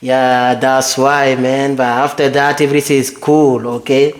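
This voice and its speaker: A man's voice: mid-range voice, flat delivery, slow. A man vlogging immigration news from his home computer, talking straight to his viewers in a loose, rambling way and sliding from English into French. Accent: non-native English, French-speaking. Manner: switches between English and French, addresses viewers directly, rambling. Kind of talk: casual informal vlog. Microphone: computer microphone.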